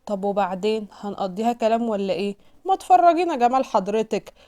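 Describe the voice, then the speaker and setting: A woman's voice: medium pitch, fast, mellow, lightly acted. A woman with an Egyptian Arabic accent voicing a cold, possessive young billionaire man, mocking and domineering in a recap story. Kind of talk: recap storytelling with voiced lines.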